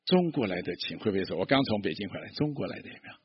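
Pastor from Fujian, male, husky, lively with the congregation, on a dull lo-fi recording. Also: fairly low pitch, racing. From Fujian, China. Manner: lively, engaging the crowd with questions and laughs. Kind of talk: addressing a church congregation.

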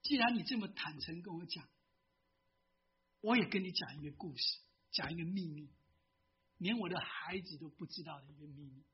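A man's voice: fairly high pitch, normal speed, pauses often, dull audio, close to an everyday voice. A man voicing a guilt-ridden old male general confessing a secret, told within a sermon.

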